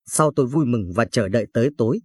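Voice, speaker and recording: A man narrating a spoken story with an even, steady reading. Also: medium pitch, fast talker, breathy edge, no room sound, clean studio sound. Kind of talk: read-aloud story narration.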